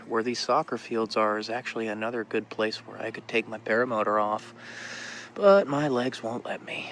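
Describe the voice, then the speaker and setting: A man's voice: fairly low pitch, fairly bright tone. A man talking casually to his viewers in an unscripted, reflective and informal vlog style, outdoors. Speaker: vlogger. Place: outdoors in a park. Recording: clear background ambient noise.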